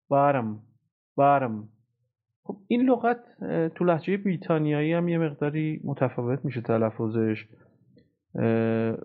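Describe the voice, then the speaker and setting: A man giving a pronunciation lesson, patiently repeating words slowly many times. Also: medium pitch, vocal fry. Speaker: English teacher. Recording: tinny phone-like audio.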